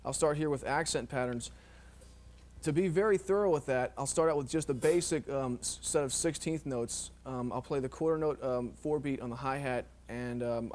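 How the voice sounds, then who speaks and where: A man teaching drum technique in a relaxed, rambling way, full of ums and you knows. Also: mid-range voice, brisk, a little hiss or hum. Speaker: drum instructor. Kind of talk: casual instructional explanation.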